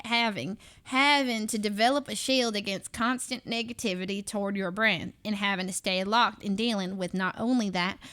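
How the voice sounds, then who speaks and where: A woman's voice: medium pitch, fairly bright tone. A woman streamer reading a book aloud with off-hand asides, practising put-on Southern, British and valley girl accents and stumbling over words as she goes. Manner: stumbles and restarts while reading. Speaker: live streamer.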